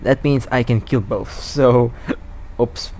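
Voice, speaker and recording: A man's voice: medium pitch, slow pace, darkish tone. A man with hiccups giving casual, chatty live commentary while playing a space game, often stumbling and correcting himself. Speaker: mobile space game player.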